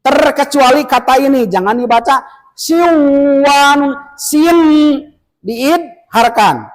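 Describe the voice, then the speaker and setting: High-voiced man teaching Quran recitation. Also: low-quality recording. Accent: Indonesian. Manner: patient and instructive, chants verses slowly to demonstrate. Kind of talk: teaching tajwid to a study group. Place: village study gathering indoors.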